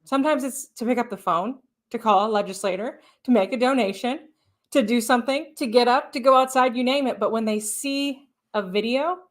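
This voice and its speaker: A woman's voice: fairly high pitch, brisk. A woman speaking passionately as a guest on a live podcast, with a polished news-reporter cadence. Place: stage at a live event.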